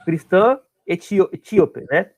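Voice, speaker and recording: A man's voice: sits high, lively intonation, a little slow, a little mellow. A man teaching an online class, explaining step by step and often checking that his students follow.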